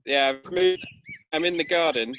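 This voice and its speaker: A man talking on a video call from outside in his garden, relaxed and easily amused, with many small hesitations. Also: fairly high pitch, normal speed. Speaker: guest. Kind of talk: casual group chat on a call. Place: garden outdoors.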